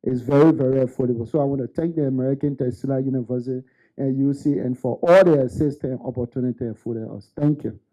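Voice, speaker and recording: A man's voice: medium pitch, steady tone, quick pace, warm tone, poor audio. A man giving an earnest, unscripted graduation testimonial with frequent stammering restarts. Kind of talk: unscripted ceremony speech.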